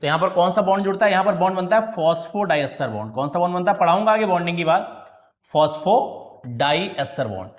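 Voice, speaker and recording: High-voiced man teaching biology. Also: expressive, fast talker, muffled recording. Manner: asks questions and answers them himself, repeating key terms; calls students "beta", checks they understood. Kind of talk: classroom lecture at a slide board.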